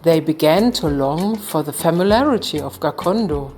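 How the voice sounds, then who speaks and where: A woman narrating a folktale in a calm, measured storytelling manner. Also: deep voice, faint music behind.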